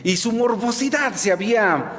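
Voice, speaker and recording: A man's voice: extremely high pitch, animated, moderate pace, fairly bright tone. A man preaching a sermon to a congregation, telling the story expressively and turning to the listeners with asides. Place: church hall. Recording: long reverb in a church hall.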